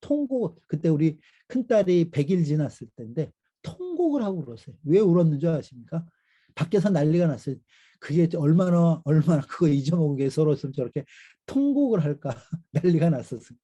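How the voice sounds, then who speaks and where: A middle-aged man, a missionary pastor, telling a personal story in a sermon with pauses and fillers. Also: a little high, very animated, mellow, highs cut off. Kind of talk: sermon testimony.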